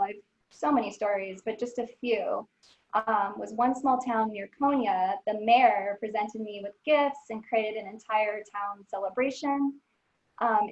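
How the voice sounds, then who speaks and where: Brief: woman guest with a higher voice, earnest storyteller, roomy and slightly dull recording. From Southern California. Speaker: alumna guest. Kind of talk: recorded alumni interview. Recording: echoey lo-fi room.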